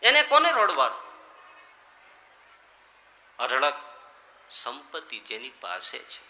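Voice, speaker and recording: A man, a monk, giving a sermon on scripture, swinging from loud emphatic lines to quiet low ones. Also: wildly swooping pitch, slow, roomy sound.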